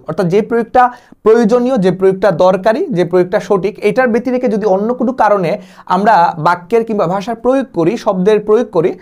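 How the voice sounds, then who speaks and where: Fast-talking young man tutoring exam prep. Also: extremely high pitch, darkish tone. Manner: explanatory, mixes English words into speech. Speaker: admission test tutor.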